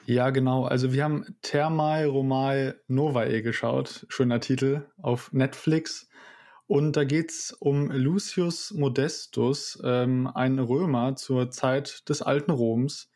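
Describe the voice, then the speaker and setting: A young man with a mid-range voice talks as a podcast co-host. He summarises casually, in loose, halting sentences. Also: mid-range voice, fairly even intonation, a little mellow.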